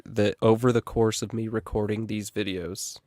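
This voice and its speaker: Casting note: male podcast host, lowish pitch, dry close sound, easygoing and jokey. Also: normal speed, no room sound. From South Dakota. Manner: relaxed, joking, drops to quiet asides. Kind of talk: casual chat.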